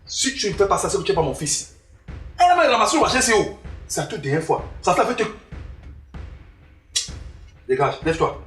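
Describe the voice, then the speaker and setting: A woman's voice: lowish voice, big pitch swings, fairly quick, long pauses. A woman from western Cameroon, playing a stern, proud African father who lectures his son in a comedy skit. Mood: scolding. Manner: lecturing, repeating himself, mocking. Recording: roomy, distant mic, faint music.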